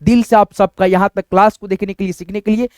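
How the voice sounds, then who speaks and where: A man's voice: high-pitched, fairly even intonation, fast, darkish tone, smooth, no room sound, clean studio sound. A male teacher giving a step-by-step phonics lesson, asking questions and answering them himself and checking in with his students often. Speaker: English teacher.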